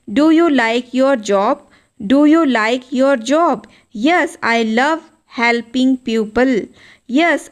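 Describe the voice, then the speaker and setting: A woman teaching beginner English, reading each line of a simple dialogue twice in a slow, even drill. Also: on the high side.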